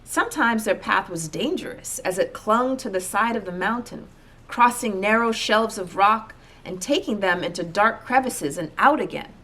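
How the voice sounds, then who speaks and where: A woman reads a children's storybook aloud as an expressive narrator, her mid-range voice moving at a moderate pace.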